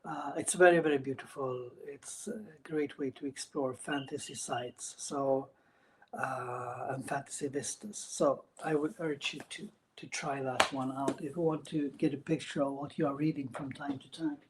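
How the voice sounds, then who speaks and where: A man chatting casually and unscripted as a vlogger about his hobbies, speaking in a hesitant, halting way with broken phrases. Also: mid-range voice, steady tone, a little hiss or hum, poor audio. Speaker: book and gaming vlogger. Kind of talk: casual unscripted video chat about reading and games.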